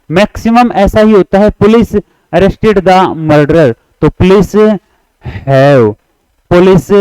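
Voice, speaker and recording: Man, Haryanvi Hindi accent, grammar teacher, high voice, slow and repetitive, coaxing students. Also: warm tone, clean tone, no echo, low-quality recording. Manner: repeats points and coaxes students to answer along; reads English example sentences slowly. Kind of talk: exam-prep grammar lesson.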